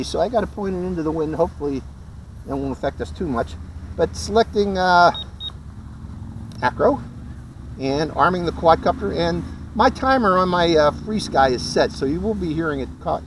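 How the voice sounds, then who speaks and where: A man's voice: fairly high pitch, sing-song, normal speed, slight background noise. A man casually reviewing a small racing drone in a folksy, chatty way, with fillers and light laughs. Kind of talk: casual product review and flight commentary. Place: outdoors during flight.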